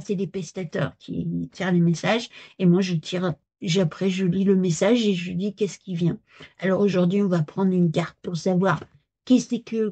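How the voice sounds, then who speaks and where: A woman's voice: lowish voice, warm tone, slightly rough. A woman playing a giggly, childlike female clown who rambles playfully in a slightly dull recording.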